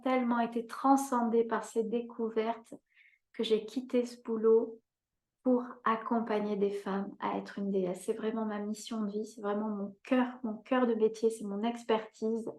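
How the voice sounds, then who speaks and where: A woman's voice: a little high, little pitch movement, a little slow, darkish tone, roomy sound. A woman in her fifties giving a live coaching talk, earnest, repeating and stressing key words and often checking in with her listeners. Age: 50s. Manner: addresses listeners directly with frequent "hein?". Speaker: life coach.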